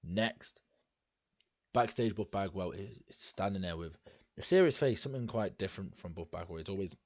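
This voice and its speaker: Low-voiced man rambling through game recaps. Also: animated, moderate pace, a little mellow, no room sound. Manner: rambling, casual, swears freely. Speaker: let's play host. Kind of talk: casual commentary on a wrestling management game.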